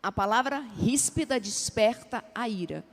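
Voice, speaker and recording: A woman's voice: a little high, unhurried. A woman with a Brazilian Portuguese accent preaching a sermon, drawing the congregation into call-and-response and acting out everyday dialogue. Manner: lively, acts out everyday dialogue. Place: church sanctuary. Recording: long church hall reverb.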